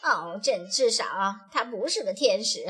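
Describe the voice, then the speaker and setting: A woman voicing a strict male scary-bird teacher in a storybook, with a pinched, hissing voice and fast scolding delivery. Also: fairly high pitch, animated, pushed and bright, husky, soft background music, full character voice. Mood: grumbling. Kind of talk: storybook reading.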